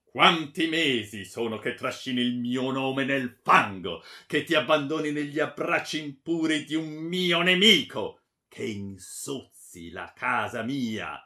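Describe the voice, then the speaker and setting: A man voicing a grim, ferocious old baron, a merciless father who shouts harsh threats. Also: medium pitch, expressive, slow pace, voice pushed up, heavily acted. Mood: furious.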